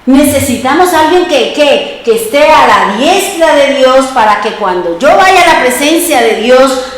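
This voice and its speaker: A woman's voice: sits high, very echoey, poor audio. A woman preacher giving an emphatic sermon, asking her congregation rhetorical questions. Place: church.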